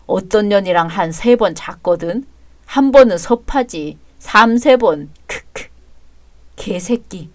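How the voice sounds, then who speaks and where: A woman's voice: mid-range voice, expressive, slow, darkish tone, dry recording. A woman voicing a crude, drunken, boastful husband in a dramatized story reading, with a drawling, taunting delivery.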